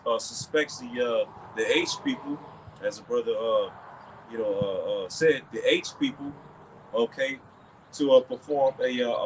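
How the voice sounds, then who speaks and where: A man's voice: mid-range voice, a little hiss or hum, rough recording. Rambling man leading religious commentary. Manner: rambling, peppered with "okay" and "all right".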